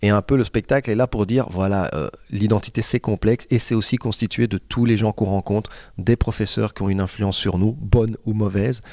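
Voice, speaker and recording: A man's voice: lowish voice, steady tone, fairly quick, darkish tone, no echo, clean studio sound. A man, an actor and playwright, talking thoughtfully in an interview with frequent hesitations. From Lebanese-born family, raised in Guinea. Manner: thoughtful, hesitant with many fillers. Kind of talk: casual interview.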